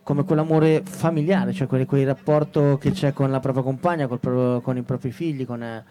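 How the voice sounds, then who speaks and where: A man's voice: mid-range voice, steady tone, moderate pace, dark tone. A man, a singer-songwriter being interviewed, speaking reflectively and searching for words. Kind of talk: interview conversation.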